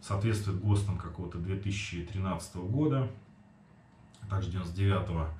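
A man's voice: sits low, fast, dark tone. Male reviewer, forties, casual and matter-of-fact, echoey kitchen sound with faint noise. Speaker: product reviewer. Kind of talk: casual explanatory product review. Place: small home kitchen, indoors. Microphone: camera across the table. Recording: roomy echo, distant mic, faint noise.

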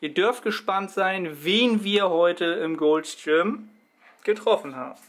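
A young man chatting excitedly in a casual fitness vlog from a small apartment room. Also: sits high, takes it slowly. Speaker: fitness vlogger.

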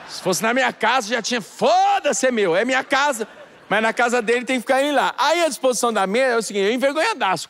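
Stand-up comic from Brazil, man with a very high voice, acts out every person in the story, stage mic. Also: fairly bright tone. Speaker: stand-up comedian. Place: theater stage before a live audience.

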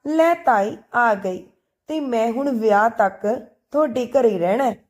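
A cheeky, cheerful young best friend from a spoken storybook, as a woman narrator puts her on. She jokes and teases in a slightly high, bouncy voice. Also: a little slow. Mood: playful. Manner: playful, joking and lively.

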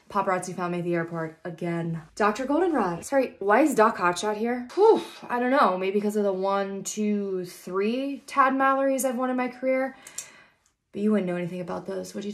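A woman acting out a parody of a medical drama, switching between urgent shouted orders and hushed, earnest lines. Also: medium pitch. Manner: rapid melodramatic delivery, shifting between shouting and hushed tones. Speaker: sketch comedian playing every doctor.

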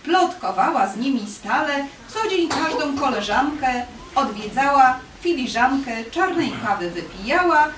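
Woman reading rhymes to kids, lilting rhythm, high voice, echoey hall. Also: sing-song, a little slow, few pauses, fairly bright tone. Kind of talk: reciting rhymed verse to children. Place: library hall with children. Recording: echoey hall, distant mic, faint noise.

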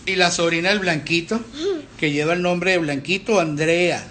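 A man's voice: fairly high pitch, normal speed, sharp tone, slight background noise. A middle-aged man, hosting a casual live stream in a rambling, chatty way. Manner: rambling, chatty, with restarts and fillers.

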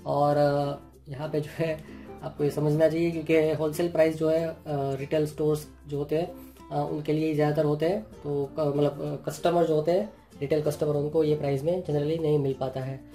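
A man with a slightly high, dark-toned voice hosts an unboxing and review at an indoor table, speaking flatly at a moderate pace. He explains each product in plain Hindi, leaning constantly on the filler "jo hai." Music plays clearly underneath the recording.

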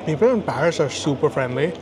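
A man's voice: fairly high pitch, fast talker, gravelly, noisy background. A man in his thirties from India, casually reviewing sandwiches to camera on an outdoor café terrace, tasting and reacting aloud as he goes. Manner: chatty, relaxed, tastes and reacts aloud. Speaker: food vlogger. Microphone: camera-mounted shotgun mic.

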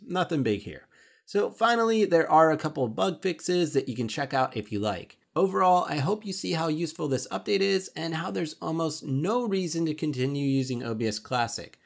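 A man walks through a software tutorial, step by step. His voice sits a little high for a man, and he explains plainly and casually. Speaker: tutorial host. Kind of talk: screen-recorded software tutorial.

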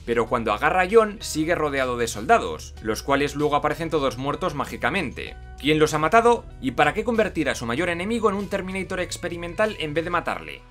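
A man's voice: fairly high pitch, a bit bright. A man with a Castilian Spanish accent narrating a comedic film review in a sarcastic, sweary, colloquial manner. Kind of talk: comedic scripted film commentary.

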